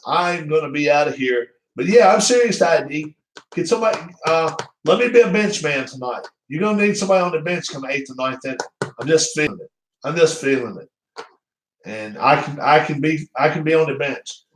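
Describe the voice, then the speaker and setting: A man's voice: a little high, expressive, moderate pace, slight background noise. A man hosting his own channel, chatting casually on a live stream in a rambling, teasing, jokey manner. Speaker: channel host. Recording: roomy echo.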